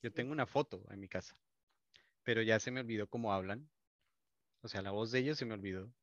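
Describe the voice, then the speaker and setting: A man's voice: fairly low pitch, fast talker, no room sound, lo-fi sound. A Colombian man with a Colombian Spanish accent, a wedding videographer telling stories in a casual interview, with many restarts. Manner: warm storytelling, many restarts.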